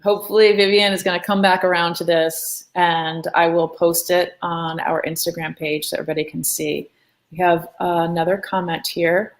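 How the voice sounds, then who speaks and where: A woman's voice: lowish voice, flat delivery, moderate pace, rough recording. A woman hosting a live art lesson, talking casually and rambling with filler words. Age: adult. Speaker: art class host. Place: art studio room.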